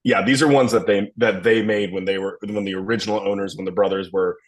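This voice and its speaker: A young man with a lowish voice and a steady tone talks fast as a distillery blender, walking through a tasting in a casual way. He rambles enthusiastically and drops in lots of fillers.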